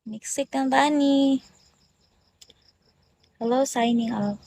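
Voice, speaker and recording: Woman streamer on a phone, a bit high-pitched, greets viewers one after another in casual chat. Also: fairly even intonation, slow, gravelly, darkish tone, low-quality recording. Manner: chatty, rattles off viewer greetings. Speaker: livestream host.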